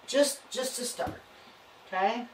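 A woman's voice: fairly high pitch, slow pace. Older lady doing a folksy kitchen cooking demo, chatty, bit far from the mic, echoey room. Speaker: home cook, cooking show host. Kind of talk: casual kitchen cooking demonstration. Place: home kitchen, indoors at the stove. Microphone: camera a few feet away. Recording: echoey kitchen, distant mic, background noise.

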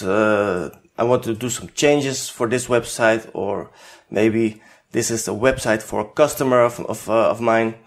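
Speaking with a Dutch accent and a voice on the low side, this tutorial host from the Netherlands walks through software without a script. Dutch is his first language, and he hesitates often, using many fillers.

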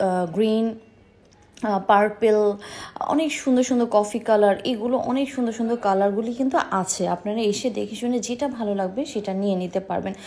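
Woman in her thirties, boutique sales vlog, eager and persuasive, warm mellow tone, small shop indoors. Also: a little high. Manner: enthusiastic, persuasive, addresses viewers as sisters. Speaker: boutique owner showing dresses.

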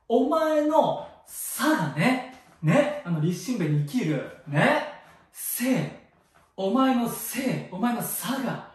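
A man talking as a spiritual counselor in a casual solo monologue, playful and jokey, tacking catchphrases onto his lines and swinging between loud bursts and soft asides. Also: very high voice, far from the mic. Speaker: spiritual counselor and channel host. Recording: very echoey room, voice from off mic.

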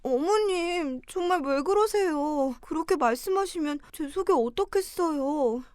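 Young daughter-in-law, voiced by a woman, polite and wounded, fairly high voice, dry close sound, for a story drama. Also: expressive, measured pace, darkish tone, no room sound. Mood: hurt pleading. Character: hurt, long-suffering young daughter-in-law. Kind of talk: audio drama acting.

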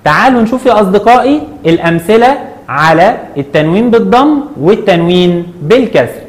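A man with an Egyptian accent teaching a children's lesson. He patiently asks questions and answers them himself, stretching words out slowly. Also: high-pitched, expressive. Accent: Egyptian Arabic. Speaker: primary school Arabic teacher.

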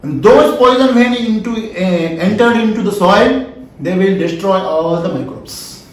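A high-pitched man with an Indian accent teaches in an emphatic, questioning way. He repeats key phrases as he lectures. The room rings with heavy echo and the microphone sits at a distance. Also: unhurried. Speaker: trainer, lecturer. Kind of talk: interactive classroom lecture. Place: small wood-panelled indoor training room. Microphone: camera a few feet away. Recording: very echoey room, mic at a distance.

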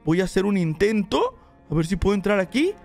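High-voiced excitable gamer. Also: male voice, fairly quick, vocal fry, soft background music. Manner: excitable, chatty, talks to his viewers. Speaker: gaming channel host. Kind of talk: excited let's play commentary.

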